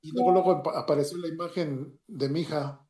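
Halting Mexican man in a roomy echo. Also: fairly high pitch, fairly even intonation, dark tone. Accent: Mexican Spanish. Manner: halting, with many restarts and reenacted dialogue. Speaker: storyteller giving a personal testimony. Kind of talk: emotional personal story, casual.

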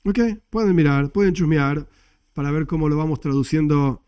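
A man leads a religious study class, explaining with energy and asking rhetorical questions before answering them. His voice sits a little high, with a mellow, soft-edged tone. The recording is close and dry. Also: moderate pace, no room sound. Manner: animated, emphatic explaining with rhetorical questions and chuckles. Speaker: Torah class teacher.

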